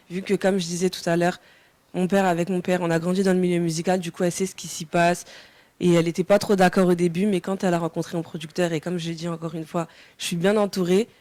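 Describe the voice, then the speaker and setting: A woman's voice: fairly low pitch, a little mellow, dry recording. A young woman from France, a singer answering interview questions casually, hesitant with many fillers and restarts.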